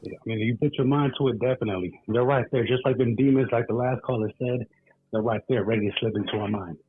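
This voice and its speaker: A man's voice: medium pitch, quick pace, a little hiss or hum. A man calling in to a radio talk show, heard muffled as if through a wall, talking in an earnest, preachy way. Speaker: caller. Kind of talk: call-in radio chat. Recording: muffled tinny phone line.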